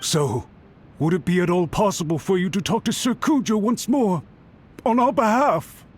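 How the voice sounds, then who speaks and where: A high-pitched man speaks at a moderate pace, sounding close to everyday speech, with a bit of hiss or hum in the audio. In the studio game he is an actor portraying a deferential, apologetic official pleading to be given a second chance. Music plays in the background.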